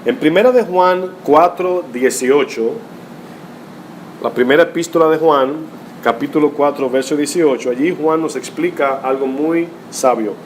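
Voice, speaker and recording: A male pastor delivers a sermon in a teaching tone, his voice on the high side and a little slow. He reads scripture aloud and poses rhetorical questions, often tagging lines with "¿verdad?", over slight background noise.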